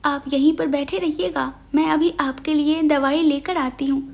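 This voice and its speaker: A caring young woman with a soft, coaxing, soothing way of talking, read by a woman narrator. Her high voice fits a romance audio story. She comes across as patient and teasing. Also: steady tone, moderate pace, gravelly.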